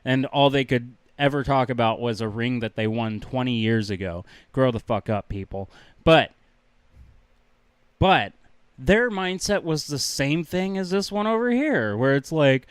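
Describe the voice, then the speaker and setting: A young man vents on a podcast, swearing freely and sounding exasperated. His voice is clear and smooth at a middle pitch, recorded dry and close. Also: animated, measured pace, dry recording. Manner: ranting, profane, exasperated. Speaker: podcast co-host. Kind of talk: casual chat.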